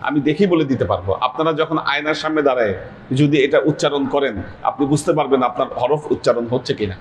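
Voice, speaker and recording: A man's voice: a little high, fast, muffled recording. A man teaching a pronunciation class, patiently repeating letter sounds for his students. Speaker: Sufi teacher leading a weekly class. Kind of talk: Quran pronunciation lesson. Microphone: livestream camera mic. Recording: echoey room with faint noise.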